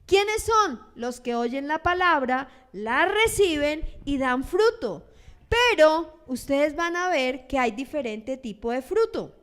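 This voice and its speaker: A woman pastor, preaching a sermon in an animated way. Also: high-pitched, takes it slowly. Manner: animated, acts out churchgoers' lines in quoted voices.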